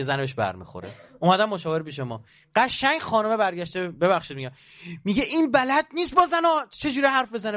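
A man giving a lively religious talk, asking the audience rhetorical questions and acting out short exchanges between people. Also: mid-range voice. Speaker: cleric or religious speaker. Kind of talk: sermon. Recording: dull lo-fi recording.

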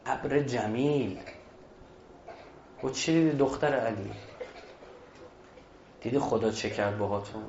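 A man preaching a religious sermon at a mourning gathering, moving between hushed storytelling and loud, emphatic exhortation. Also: medium pitch, long pauses, slight background noise. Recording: echoey dull hall recording.

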